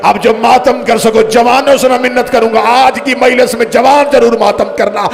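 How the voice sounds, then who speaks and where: A man's voice: extremely high pitch, fairly even intonation, normal speed, creaky. A man delivering a mourning sermon, reciting a lament in a half-sung, wailing way at a religious gathering. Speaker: religious orator. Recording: long hall reverb.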